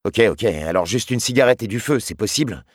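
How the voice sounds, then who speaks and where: A man's voice: fairly low pitch, lively intonation, brisk, dry recording, studio quality, pitched above the performer's own voice. A man voicing an anxious newly jailed man who pleads nervously. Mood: pleading.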